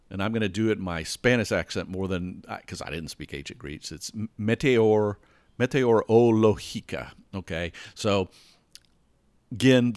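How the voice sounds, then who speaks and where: A man with a lowish voice hosts a solo podcast from indoors at home. He talks in a casual, rambling way, often restarting sentences and checking in with the listener. The sound is close and dry, with no room around it. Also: dry recording. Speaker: podcast host.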